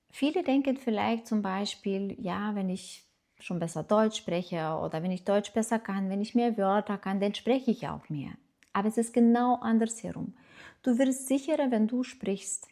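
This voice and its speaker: A middle-aged Lithuanian woman, a language teacher with a medium-pitched, darkish voice, speaks German as a second language with a Lithuanian accent. She talks casually and encouragingly to camera, with hesitations and fillers.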